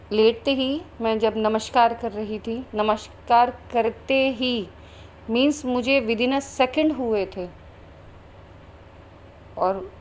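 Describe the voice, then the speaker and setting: Recounting her own meditation vision, a spiritual channel host speaks in an earnest, flowing Hindi-English mix packed with fillers. She sounds on the high side yet darkish in tone, and a little hiss or hum is present.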